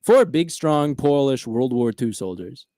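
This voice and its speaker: A man hosting a podcast, telling a story in casual chat, animated and full of "uh" and "like". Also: medium pitch, measured pace, no echo, studio quality. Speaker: podcast host.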